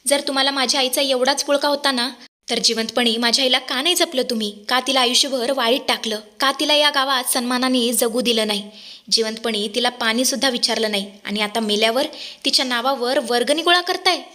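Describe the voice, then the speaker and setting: A woman's voice: high voice, brisk, sharp tone. A woman voicing a fiery, defiant village girl. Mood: furious. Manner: angry, defiant outbursts. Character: fiery proud poor young village woman.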